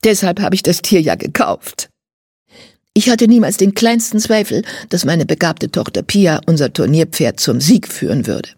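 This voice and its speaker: A woman's voice: on the low side, animated, normal speed, a little mellow, breathy edge, no echo, clean studio sound. A woman reading a children's audiobook, voicing a vain, boastful lady who owns horses and turns to shrieking. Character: vain shrill horse-owning society lady. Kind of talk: audiobook character voice.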